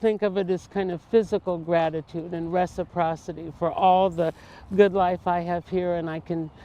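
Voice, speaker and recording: Cheerful high-voiced man chatting outdoors. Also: flat delivery, normal speed, dark tone, low-quality recording. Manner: cheerful, chatty, talks to himself. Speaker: interviewee, trash-collecting nature lover. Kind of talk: casual chat outdoors. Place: outdoors on nature trails.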